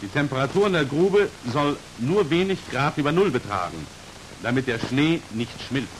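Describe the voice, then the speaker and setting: In a formal, precise, matter-of-fact tone, a man narrates a 1940s instructional film, his mid-range voice moving at a normal speed. The old soundtrack carries a steady hiss.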